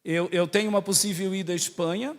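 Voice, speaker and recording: Speaking fast in a high, steady voice, this man is a priest from southern Brazil with a Santa Catarina accent that leans toward Portuguese. He delivers a conversational religious talk in a big hall, teaching and frequently quizzing and checking on his audience, and the sound is echoey with a long reverb tail.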